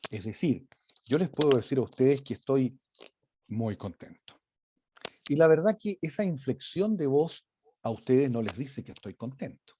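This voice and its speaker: A man's voice: medium pitch, animated, moderate pace, dark tone, slight background noise. A man teaching a leadership class online, talking emphatically and varying his intonation. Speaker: leadership course instructor. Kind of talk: online lecture.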